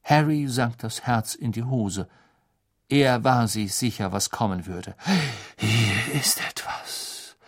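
A man reading a novel aloud as an audiobook narrator with expressive storytelling. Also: medium pitch. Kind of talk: scripted narration.

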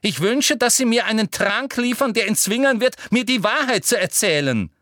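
A man's voice: medium pitch, big pitch swings, takes it slowly, a bit bright, no room sound, clean studio sound. A man voicing a tyrannical older woman headmistress with a girlishly sweet voice that turns to shrieking. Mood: shrill anger.

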